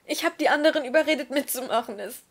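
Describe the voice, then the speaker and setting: A woman's voice: a little high, animated, breathy edge, heavily acted. A woman reading the lines of an anxious, guilty teenage boy who stammers near tears. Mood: tearful. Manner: halting, stammering, emotional.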